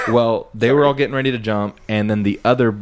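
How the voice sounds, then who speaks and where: A man's voice: mid-range voice, brisk, clean tone. A man co-hosting a podcast, telling stories in casual banter and laughing often. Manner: animated storyteller, laughs often. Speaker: podcast co-host.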